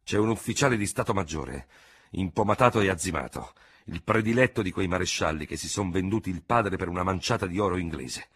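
Man doing a proud old cavalry general in a storybook reading, husky, low, given to thundering outbursts. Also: normal speed, a bit bright. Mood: fiery, blustering.

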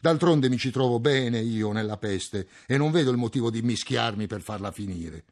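A man reading an audiobook, voicing an anxious, touchy middle-aged man who flares into shrill outbursts. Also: animated, moderate pace, darkish tone, breathy edge. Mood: defensive.

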